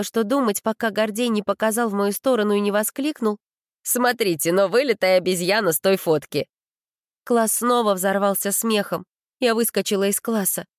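A woman narrating a children's story in the first person, with expressive storytelling. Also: medium pitch, no echo, studio quality. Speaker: audiobook reader.

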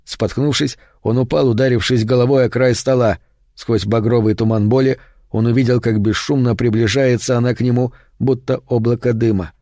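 Male audiobook narrator, dark mellow voice, horror reading. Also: mid-range voice, no echo, studio quality. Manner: steady, measured storytelling.

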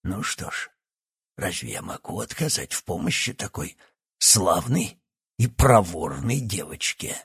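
In an audiobook, a man acts out a scheming old doctor over 60 who is secretly a villainous professor, sounding condescending, sly, and sinister. His exaggerated voice is fairly low with big pitch swings, normal pace, vocal fry, and a husky quality, recorded dry and clean in a studio.

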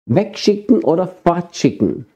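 A man's voice: high voice, sing-song, a little slow, mellow, breathy edge. A middle-aged man with an Austrian accent preaching a sermon, earnestly addressing his congregation. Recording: dull lo-fi sermon recording.

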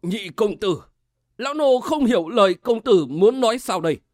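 A man's voice: high-pitched, animated, dry recording, clean studio sound. Man doing a shaky old gatekeeper. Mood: timid, hesitant. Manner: slow, quavering, hesitant with fillers. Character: old male servant gatekeeper, timid and shaky.

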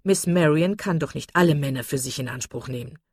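A woman's voice: low-pitched, a little fast, husky. A woman doing a blustering hearty country squire. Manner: boisterous, blunt, loud.

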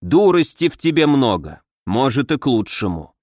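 Old hermit sage read by a man: slow, resonant, cryptic, audiobook. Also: medium pitch, very animated, darkish tone, no echo, studio quality.

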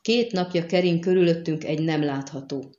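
Woman voicing a muttering woman telepath, low and guarded, dark voice, echoey muffled audiobook sound. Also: expressive, natural voice. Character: wary young woman telepath and spy. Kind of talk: audiobook character reading.

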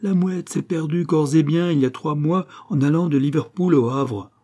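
A man voicing a scheming, gloating male lawyer in an audiobook, shouting defiantly. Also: on the high side, moderate pace, voice pushed up, natural voice.

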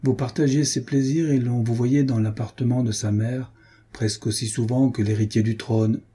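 A man's voice: mid-range voice, fairly even intonation, moderate pace, dark tone, breathy edge, lightly acted. A man voicing a stern, menacing soldier-captain who speaks in clipped, bitten-off words. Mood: accusing. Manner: clipped, chewing his words.

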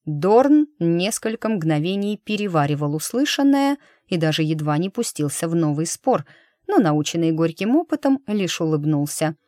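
A woman narrating an audiobook, reading in an even, measured storytelling manner. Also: lowish voice, dry recording, clean studio sound. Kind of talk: scripted narration.

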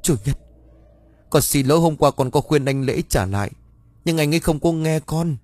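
A timid, anxious young wife, as a man puts her on in an audio storybook. She speaks softly and with worry, pleading. The sound is close and dry. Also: a little high, moderate pace, no room sound, voice pushed up, close to an everyday voice. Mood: worried. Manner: worried, soft-spoken.

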